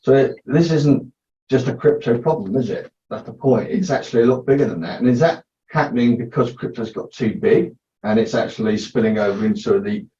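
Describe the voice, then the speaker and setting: Man thinking out loud on a zoom call, echoey room, kinda muffled sound. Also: medium pitch, a little fast. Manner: musing, rhetorical questions. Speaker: participant. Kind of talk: casual group chat. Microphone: video call.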